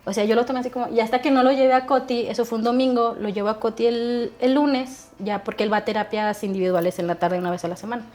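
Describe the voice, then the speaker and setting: Woman, rapid-fire, rather high voice, lively storyteller. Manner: fast animated storytelling, acting out dialogue. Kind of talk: casual conversation.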